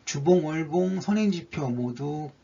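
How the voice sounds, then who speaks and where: A man's voice: fairly high pitch, animated, unhurried, creaky, warm tone. A man narrating a stock chart analysis, going methodically through each indicator one by one, on a dull lo-fi recording.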